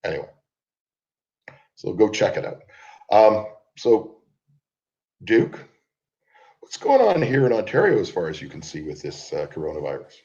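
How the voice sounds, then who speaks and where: A low-voiced man hosts an online group call, chatting with big pitch swings, a moderate pace, long pauses and a warm tone. He's chatty and mocking, repeats himself, and has a cold that makes him cough when he laughs. It's captured on a computer call mic, with dull, lo-fi conference-call audio.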